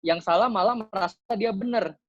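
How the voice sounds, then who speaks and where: A man's voice: sits high, fairly quick, dry recording. A man hosting an online Q&A, casual and chatty, reading questions aloud. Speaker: host. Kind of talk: online Q&A moderation. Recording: dull, dry lo-fi sound.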